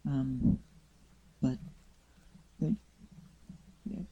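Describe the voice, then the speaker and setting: Very low-pitched woman running a game. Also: level tone, drawn-out words, lo-fi sound. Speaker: game master. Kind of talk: casual tabletop game narration.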